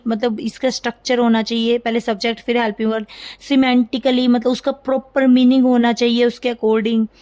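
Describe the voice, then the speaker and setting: A woman's voice: on the high side, darkish tone, no echo. A woman teacher, explaining a lesson for an exam and asking her own questions, then answering them as she repeats the key terms. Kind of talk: exam-prep lecture, Hindi mixed with English.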